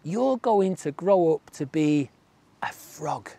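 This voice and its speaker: Brief: storyteller as a gentle old hedgehog, calm and kind, slow, with a gravelly, husky voice. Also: mid-range voice, heavily acted. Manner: patient, kindly, soothing.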